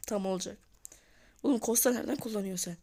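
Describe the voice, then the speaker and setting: Excitable woman yelling at a football game. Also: mid-range voice, fast. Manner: excitable, scolds and urges on the players. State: voice sounds off, hoarse. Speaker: mobile football gamer. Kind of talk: casual live gameplay commentary.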